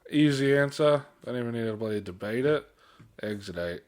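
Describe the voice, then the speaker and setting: With a medium-pitched, lively voice and a brisk pace, this Australian-accented man trades easygoing pop-culture talk as a podcast co-host. He keeps it blokey and laid-back, dropping the odd mild swear word.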